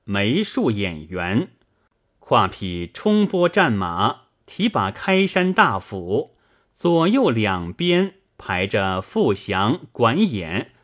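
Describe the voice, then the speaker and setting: A man with a lowish voice narrates a classic novel as an audiobook reader. His storytelling is measured and expressive.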